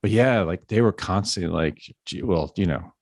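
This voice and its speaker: A man co-hosting a podcast, joking in casual chat and quick to tease and riff on his partner. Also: low-pitched, creaky, a little mellow, no room sound. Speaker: podcast co-host.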